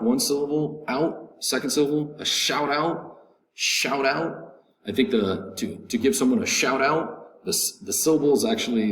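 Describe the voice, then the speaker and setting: A man teaching English vocabulary, slowly repeating words and stressing syllables, with frequent ums. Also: mid-range voice, a bit bright. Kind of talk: vocabulary lesson recording. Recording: echoey room with faint noise.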